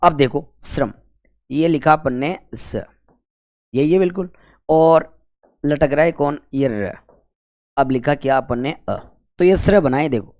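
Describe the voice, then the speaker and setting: A man's voice: on the high side, darkish tone. Male tutor, whiteboard lesson, repeats each question and answer. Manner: repetitive call-and-response questioning, colloquial 'apan'. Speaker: Hindi grammar teacher.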